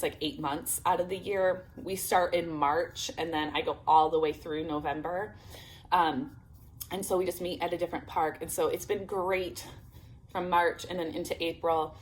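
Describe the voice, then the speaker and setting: Speaking through a sore throat, this Illinois woman in her thirties vlogs about homeschooling, chatting to camera cheerfully with plenty of fillers. Her pitch is fairly low, and the rough recording carries a bit of hiss or hum.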